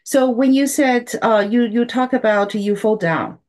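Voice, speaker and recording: A woman's voice: fairly high pitch, unhurried, a little mellow. A woman hosting a remote interview, mostly giving short affirmations and checking the line. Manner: brief affirmations, checks on the connection. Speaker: host.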